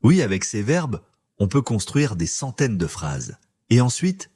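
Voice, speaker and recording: A man co-hosting a learners' podcast, speaking clearly and encouragingly like a teacher. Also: mid-range voice, very animated, measured pace, dark tone. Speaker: podcast co-host. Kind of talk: scripted podcast dialogue for learners.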